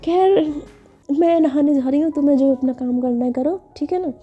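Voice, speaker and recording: A woman's voice: high-pitched, moderate pace, warm tone, lo-fi sound, faint music behind, natural voice. A woman voicing a playful, teasing young woman who mock-scolds her wife in a storytelling dialogue. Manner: teasing, dismissive, mock-stern.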